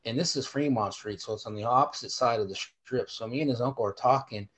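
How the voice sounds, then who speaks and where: A middle-aged man tells a rowdy story with animated energy and plenty of swearing. He talks in a casual podcast chat and joins over a remote call. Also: medium pitch, quick pace. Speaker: podcast guest, host's father. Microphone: remote call setup.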